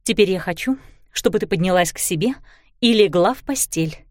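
A woman voicing a stepmother who coaxes and firmly calms a frightened girl. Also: fairly low pitch, normal speed, dry recording, clean studio sound, natural voice. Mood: gentle. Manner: coaxing, then commanding. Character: firm, soothing young stepmother.

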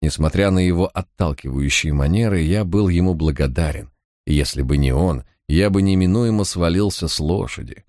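A man with a very deep voice reads an audiobook in a measured, even first-person narration. The recording is dry and intimate, with no room sound. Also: no room sound.

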